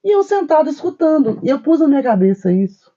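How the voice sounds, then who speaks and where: A woman's voice: sing-song, fast talker, mellow, lo-fi sound. A woman co-hosting a spiritist discussion program, speaking emphatically and telling stories with quoted dialogue. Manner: wide swings of pitch when stressing points. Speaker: co-host.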